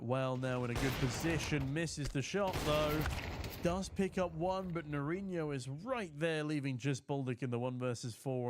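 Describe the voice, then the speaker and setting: A man from the UK casting a community tournament live, chatty and getting excited on big plays, while reading out viewer chat. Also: mid-range voice, background noise. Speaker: esports caster.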